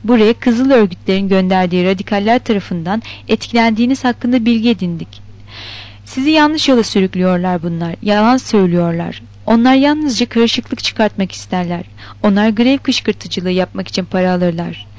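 A woman reading the lines of a smooth-talking, patronizing male grower's agent in a novel, in a preachy, placating manner. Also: mid-range voice, normal speed, darkish tone, no room sound, lightly acted. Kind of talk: scripted narration of a novel. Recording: dull lo-fi recording.

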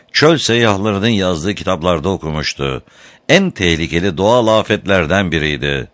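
A man narrating an audiobook dramatically, lifting his voice for shouted lines. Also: low voice, no room sound. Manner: dramatic, raises voice for shouted quotes.

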